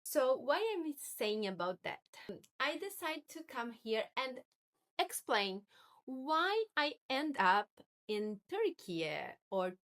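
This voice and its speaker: A woman's voice: fairly high pitch, a bit bright. A woman in her twenties from Brazil, with a Brazilian Portuguese accent, chatting casually in a vlog and often stopping to search for words and correct herself. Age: 20s. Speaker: vlogger.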